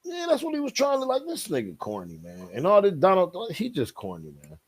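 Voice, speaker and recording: Animated higher-voiced man in casual chat. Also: a little fast, crowd noise. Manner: animated, emphatic, frequent "bro" and "like". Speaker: podcast co-host.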